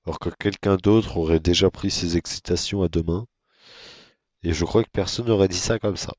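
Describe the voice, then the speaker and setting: A man giving casual, monotone commentary on his own gameplay, with self-mocking asides. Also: low-pitched, normal speed, dry recording, highs cut off. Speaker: gaming video creator.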